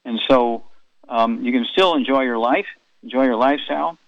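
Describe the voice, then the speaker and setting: A man's voice: medium pitch, normal speed, no room sound, muffled recording. A man in his eighties hosting a radio health talk, rambling and folksy with chatty asides. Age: 80s.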